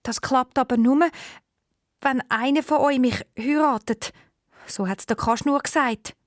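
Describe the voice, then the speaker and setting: A woman's voice: high-pitched, measured pace, pitched above the performer's own voice. A woman voicing a lonely young owl princess, in a children's radio play. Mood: plaintive. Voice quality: hoarse.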